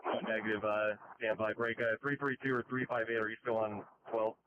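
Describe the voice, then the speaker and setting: A man's voice: fairly low pitch, level tone, fairly quick, no echo. A man working as a firefighter, talking in radio traffic over a two-way radio. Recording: muffled lo-fi radio transmission.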